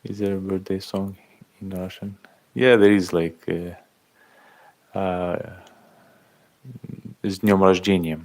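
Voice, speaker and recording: A man in his thirties from Algeria, chatting casually on a livestream, reading out and thanking viewers' comments in halting speech. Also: sits low, level tone, darkish tone. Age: 30s. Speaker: livestream host. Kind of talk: casual live-stream chat.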